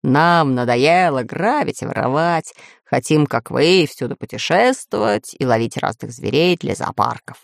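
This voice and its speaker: A grumbling red-bearded pirate played by a woman in a children's storybook. He drawls his words slowly, in a lowish, close and dry voice. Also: lively intonation, gravelly, no echo, heavily acted. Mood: sly.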